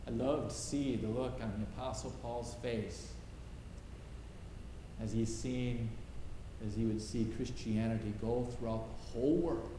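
A man's voice: mid-range voice, fairly even intonation, unhurried. A middle-aged male pastor preaching a sermon from a pulpit, stressing short repeated phrases. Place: large church sanctuary, at a pulpit. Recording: roomy church reverb, faint hiss.

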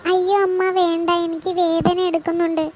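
A woman voicing a meek, frightened young daughter-in-law in a cartoon who pleads softly. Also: extremely high pitch, flat delivery, a little fast, slight background noise. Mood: pleading. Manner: pleading, timid. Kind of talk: cartoon voice acting.

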